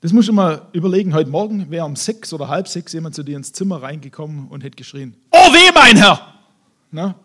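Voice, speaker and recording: Male preacher, husky and fairly high voice, lively storytelling sermon. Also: fast, few pauses. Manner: animated storytelling, acting out scenes in voices.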